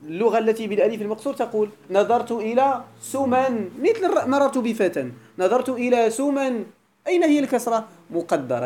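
A Moroccan-accented man lecturing as a grammar teacher, his voice mellow in tone yet swinging widely in pitch as he explains. He talks at a quick clip, stretches out example words to stress them, and often stops to ask the class whether they follow. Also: a little hiss or hum. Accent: Moroccan Arabic. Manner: keeps checking that students follow; repeats example words with drawn-out emphasis.

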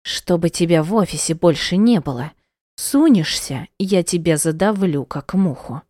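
Cold, threatening young wife, put on by a woman reader; sharp, hissing delivery, raised voice. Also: lowish voice, lively intonation, moderate pace, no echo, studio quality. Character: spiteful rich young wife, cold and domineering.

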